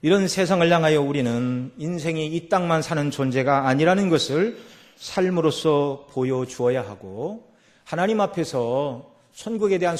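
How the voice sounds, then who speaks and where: A man preaching a Sunday sermon as pastor. He swings from quiet passages to loud, emphatic peaks and asks the congregation rhetorical questions. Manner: rising to loud emphatic peaks, then dropping low. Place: church sanctuary.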